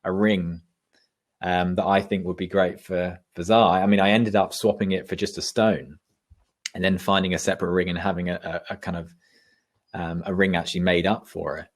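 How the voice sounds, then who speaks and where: A man's voice: low voice, level tone, moderate pace. A man reminiscing casually as a podcast guest, with an informal, matey, sometimes sweary way of talking.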